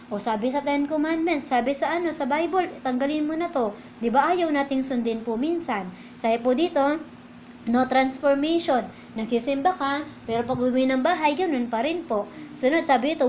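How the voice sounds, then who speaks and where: High-voiced Filipino woman preaching. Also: darkish tone, highs cut off, slight background noise. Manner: conversational preaching, keeps asking di ba. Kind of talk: sermon. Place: church.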